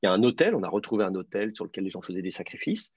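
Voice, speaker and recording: A man with a low, husky, gravelly voice teaches a class, stopping often to restart his sentences. The sound is dry and dull, like a computer mic on a video call. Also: very animated, very fast, dry recording. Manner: hesitant, many fillers and restarts, explanatory. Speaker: teacher of biblical Hebrew. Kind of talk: online class lecture.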